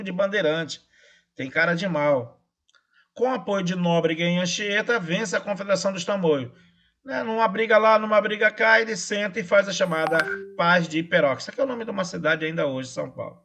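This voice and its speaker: A man teaching history over a video call, his voice pitched a little high for a man. He talks in a relaxed, chatty way and keeps checking that his students follow. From Brazil. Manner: casual, checks in with "tá?" and "né?". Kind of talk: online class lecture.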